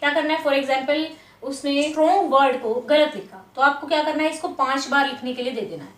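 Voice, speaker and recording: A woman teacher explaining a lesson to parents, patiently repeating words slowly, syllable by syllable. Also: sits high, reverberant.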